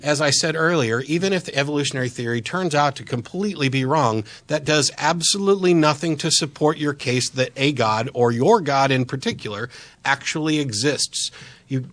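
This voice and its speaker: A man's voice: a little high, fairly bright tone. A man hosting a live call-in debate, speaking in a blunt, insistent and argumentative way. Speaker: call-in show host.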